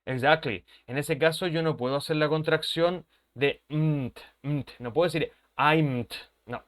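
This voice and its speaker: A man's voice: fairly high pitch, a little slow, a bit bright. Patient man teaching English. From Chile. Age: 30s. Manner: patient, repeats points and keeps checking understanding. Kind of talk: language lesson explanation.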